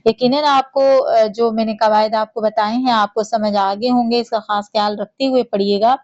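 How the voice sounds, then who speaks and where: A woman with a Pakistani Urdu accent teaching Quran recitation. She recites slowly and carefully, then explains the pronunciation patiently. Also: a little high, steady tone, darkish tone, dry recording, dull audio. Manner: slow, measured recitation alternating with patient instruction.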